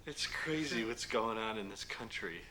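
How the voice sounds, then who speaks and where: A man's voice: lowish voice, moderate pace, background noise, close to an everyday voice. An actor playing a haunted male Vietnam veteran who recalls his breakdown in a wry, urgent way. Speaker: Vietnam veteran in counseling group. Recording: guitar music behind the voice.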